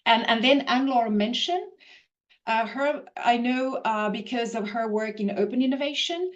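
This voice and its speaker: A woman's voice: a little high, normal speed, muffled recording. A woman from Finland, a professor, answering interview questions in a thoughtful way with many fillers and restarts. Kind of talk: video-call interview.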